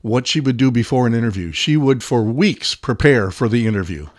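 A man's voice: mid-range voice, animated, dry recording. Easygoing male podcast host, dry sound. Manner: easygoing, admits no preparation, quick reactions. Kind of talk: interview.

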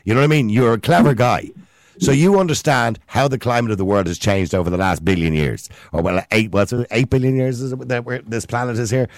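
A man's voice: medium pitch, brisk, no echo, studio quality. A man arguing insistently and cutting in during a heated pundit debate. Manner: argumentative, interrupting, insistent.

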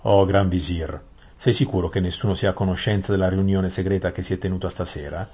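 Guy reading a cold old king, slow and grave, low husky voice. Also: steady tone, mellow. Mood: grave, commanding. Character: old male king, cold, calculating ruler.

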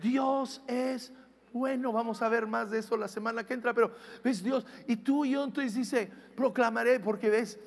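A pastor, preaching a sermon in Spanish, speaking directly to his congregation and building up to passionate shouting. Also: very high voice, fairly even intonation, brisk, gravelly, few pauses. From United States.

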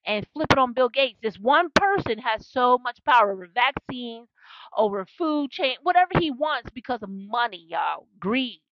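Her voice is a little high and sing-song at a moderate pace, heard through a muffled, very noisy recording. This self-described prophetess delivers a passionate sermon full of repetition and call-and-response asides.

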